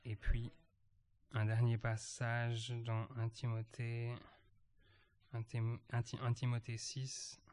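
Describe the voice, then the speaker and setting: A man at a church meeting reading Bible verses aloud and reflecting on them, halting and searching for words. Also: medium pitch, monotone, darkish tone, a little hiss or hum. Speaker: church member sharing a reflection.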